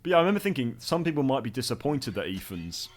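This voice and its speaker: A man's voice: mid-range voice, very animated, quick pace, faint music behind. A man giving casual commentary on his own video, rambling and self-critical, laughing often.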